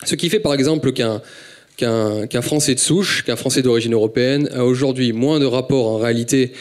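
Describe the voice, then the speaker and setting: A young man with a French accent giving a steady, declamatory prepared talk on a panel. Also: mid-range voice, a little fast. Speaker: panel speaker.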